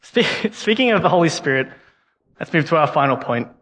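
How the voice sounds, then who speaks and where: Expressive and fairly quick, a young man with a slightly bright, higher voice preaches a guest sermon, earnest and prone to repeating words. The church hall gives a long reverb, and his accent is an unplaced non-Canadian English.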